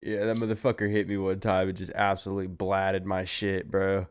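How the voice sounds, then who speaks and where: This young podcast co-host speaks in a low, monotone voice, fairly quickly, with a clean tone. He's tired and yawning, and his casual, rambling talk is relaxed and packed with curse words.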